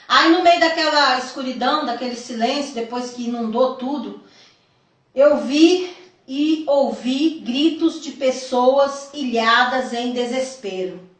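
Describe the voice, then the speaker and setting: A woman with a Brazilian Portuguese accent giving an earnest religious testimony as a missionary, addressing listeners as brothers. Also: sits high. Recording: echoey, from far off the mic.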